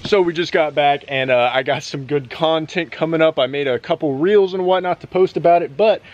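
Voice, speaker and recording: A man talks through his car project in a casual vlog, excited and full of slang. He rambles from one detail to the next. His voice sits a bit high. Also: fairly quick, highs cut off, slight background noise. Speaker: car enthusiast vlogger.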